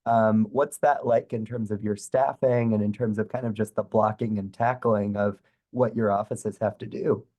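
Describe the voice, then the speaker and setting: Hoarse man moderating a panel. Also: lowish voice, steady tone, moderate pace, warm tone. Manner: asking long rambling questions. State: hoarse, lost voice. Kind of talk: panel discussion.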